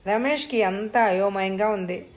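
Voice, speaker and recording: A woman storyteller giving a measured, expressive scripted narration of a suspense audio story. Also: medium pitch.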